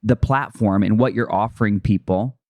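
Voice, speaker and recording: A man hosting a podcast, talking in a relaxed, chatty way with lots of fillers. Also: lowish voice, normal speed, no echo, lo-fi sound. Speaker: podcast host. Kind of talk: casual interview chat.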